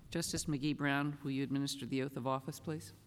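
A woman's voice: a bass voice, steady tone, fairly quick. A woman presiding as chief justice over a formal ceremony, giving plain, informal directions. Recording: echoey hall, faint noise.

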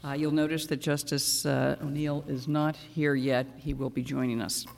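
A man's voice: a little high, little pitch movement, moderate pace, creaky, a little mellow. A man speaking as a presiding judge in formal courtroom proceedings. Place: large courtroom. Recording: reverberant hall, faint noise.

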